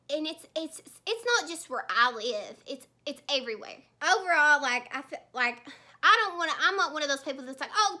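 A woman's voice: high voice, bright, forceful tone. A young woman beauty vlogger talking casually and earnestly while doing her makeup, with lots of fillers and restarts. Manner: chatty and heartfelt, many fillers and restarts.

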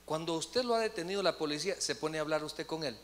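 A pastor preaching a sermon, telling a story with animated delivery and acted-out voices. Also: male voice, fairly high pitch, fast talker. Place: church sanctuary. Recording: echoey church hall.

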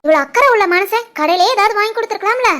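Woman doing a young cartoon wife, very high pitch, Kanyakumari-Tirunelveli Tamil accent, teasing, sharp-tongued. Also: lively intonation, rapid-fire. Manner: teasing, needling.

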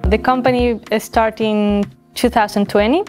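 Choreographer, woman in her thirties, halting interview English in a dance studio, quiet music underneath. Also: a little high, fairly even intonation. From Valencia, Spain. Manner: hesitant, searching for words.

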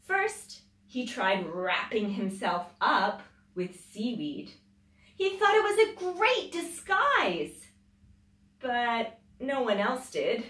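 An animated woman, a teacher hosting storytime, reads a children's picture book in a dramatic, emphatic way, stretching out words, her voice a little high. A camera a few metres away picks her up in a small tiled library room, so the audio echoes and sounds distant.

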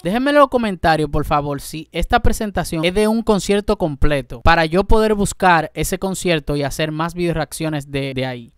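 A young man hosting a reaction video, talking casually and excitedly, breaking into exclamations and calling out to his viewers. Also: a little high, normal speed, few pauses, loud music behind the voice.

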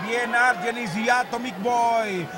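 A man with a Mexican accent, a wrestling commentator calling lucha libre live, emphatic and repeating his phrases excitedly. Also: very high voice, slow, background noise. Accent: Mexican Spanish. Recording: loud arena crowd behind commentary. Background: cheering arena crowd.

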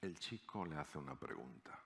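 Lively man from telling a story. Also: rumbling low, moderate pace. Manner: animated, acts out the characters in the story. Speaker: speaker. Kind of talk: storytelling talk.

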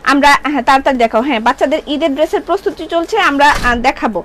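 A middle-aged woman with a Bangladeshi accent, running a live clothing sales stream, talking fast and playfully while reading viewer comments. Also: high-pitched, a bit bright, slight background noise. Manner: fast, chatty, playful, reads comments aloud. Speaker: shop owner selling clothes on a live stream.

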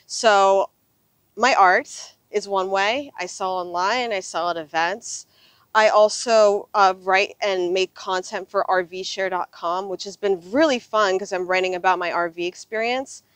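A woman's voice: medium pitch, a little slow, fairly bright tone, smooth, dry recording. Earnest woman, dry close sound. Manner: earnest, reflective, conversational. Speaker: interview guest, full-time RV traveler. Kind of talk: casual interview. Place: outdoors on open desert gravel lot. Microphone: clip-on lapel mic.

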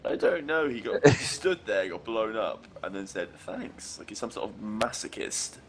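A young man streaming a game, chatting casually and reacting with animated, joking remarks. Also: fairly low pitch, moderate pace, slight background noise. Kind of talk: casual chat while gaming. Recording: game music playing behind the voice.

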